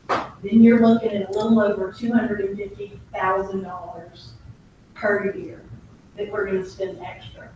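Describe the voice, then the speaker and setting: An elected board member and parent speaks at a public meeting, emotional and searching as she weighs a hard decision aloud. Her voice sits in a middle range and comes from a distant mic in a very echoey meeting room with a faint background hum. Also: medium pitch. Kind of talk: heartfelt statement at a public meeting.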